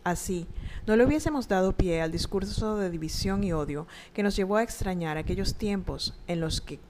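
A woman narrating a scripted, reflective text in a measured, thoughtful way. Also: mid-range voice, noisy background. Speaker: narrator reading her own reflective text.

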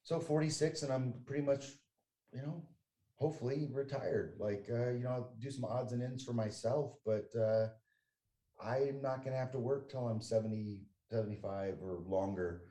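A man's voice: medium pitch, normal speed, warm tone. A man in his forties from the United States, talking as a guest in a casual conversation, chatty and emphatic with frequent restarts. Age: 40s.

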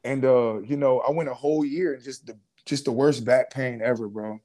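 Speaking at medium pitch and normal speed, a man in his twenties recounts his time as a former pro footballer in a laid-back interview. His talk is slangy and relaxed, with many fillers and false starts.

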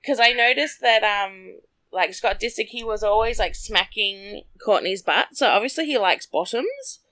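Bright-voiced woman gossiping casually. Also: mid-range voice, lively intonation, normal speed. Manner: chatty, many "like" fillers, blunt. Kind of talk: casual celebrity gossip chat.

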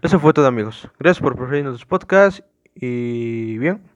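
Dude reading his own scary story on a podcast, kinda halting, dry close sound. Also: medium pitch, lively intonation, no echo, muffled recording. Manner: casual, hesitant asides between measured narration.

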